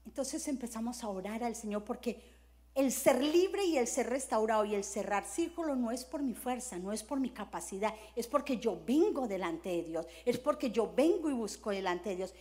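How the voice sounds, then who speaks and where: High-voiced woman pastor telling stories. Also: animated, normal speed, a little mellow. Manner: storytelling, acts out scenes with sound words. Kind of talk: sermon with personal stories.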